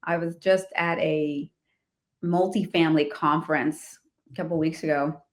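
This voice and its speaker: In a low-pitched, steady voice at a moderate pace, a woman from the D.C. area tells her life story during an interview. The real estate investor keeps it casual, often laughing and restarting what she's saying.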